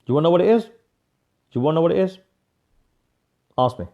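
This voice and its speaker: A man giving an energetic live motivational coaching talk, emphatic, repeating key phrases and calling viewers by name. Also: fairly high pitch, quick pace, gravelly, dull audio.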